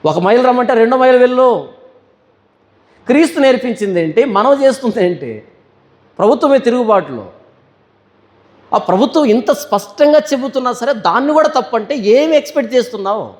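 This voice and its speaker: A male pastor leads a Bible study in a notably high voice. He puts rhetorical questions to his listeners and answers them himself, slowing down to read scripture with care. The recording carries a long, lingering hall reverb. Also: expressive. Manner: reads scripture verses slowly and deliberately.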